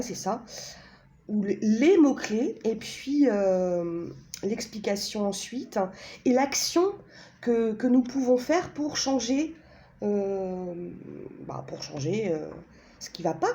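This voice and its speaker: A woman chats her way through a casual product presentation, slow and unhurried, pausing often on fillers and tag questions. Her voice is soft and mellow, and she pokes fun at herself as she goes. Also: medium pitch. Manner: chatty and self-mocking. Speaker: vlogger presenting a pendulum and an oracle deck.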